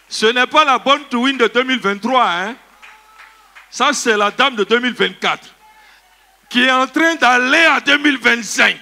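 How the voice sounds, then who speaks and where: A man's voice: sits high, pushed and bright. A man leading a church service as pastor, fervent and exclaiming, calling the congregation to cheer.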